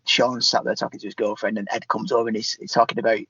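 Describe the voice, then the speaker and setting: A man's voice: fairly low pitch, little pitch movement, quick pace, pushed and bright, breathy edge, no room sound, muffled recording. A man co-hosting a podcast, talking hesitantly about films and repeating himself. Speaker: podcast co-host. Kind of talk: casual film chat.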